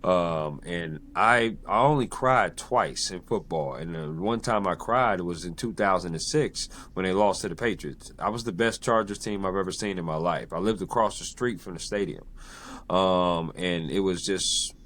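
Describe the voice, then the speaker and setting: A man from San Diego hosting a casual podcast interview, talking in a relaxed way with lots of fillers and repeated affirmations. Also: deep voice, moderate pace. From San Diego, United States. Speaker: podcast host and sports journalist.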